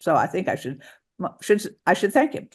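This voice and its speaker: A man answering interview questions as a guest author and advocate, talking in a halting way with many restarts. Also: high-pitched, very animated, slightly rough.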